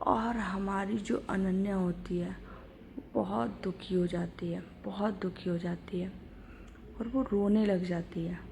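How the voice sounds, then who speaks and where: A woman's voice: medium pitch, steady tone, takes it slowly, gravelly, mellow, slight background noise. A woman retelling a college love story in a chatty, casual way, full of fillers. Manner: chatty, filler-heavy, says "our" for characters.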